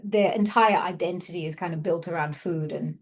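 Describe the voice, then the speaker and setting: A woman's voice: fairly low pitch, normal speed. A woman from Malaysia, a guest writer, talking reflectively about her craft with many fillers and restarts. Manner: reflective, meandering, with frequent fillers. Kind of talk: conversational craft discussion.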